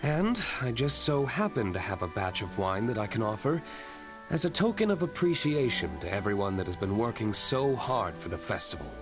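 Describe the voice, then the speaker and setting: A man's voice: on the low side, very animated, normal speed, over music. An actor voicing a stern, aloof male winery owner in a game who speaks curtly and coldly. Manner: curt, cold, clipped. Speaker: game character. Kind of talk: game voice acting.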